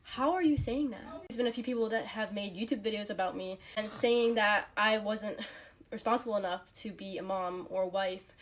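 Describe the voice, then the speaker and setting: A woman's voice: mid-range voice, moderate pace, a little hiss or hum. A woman in her late teens, a young wife and mother, giving blunt, emphatic opinions straight to camera. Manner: emphatic, blunt, rising to forceful points.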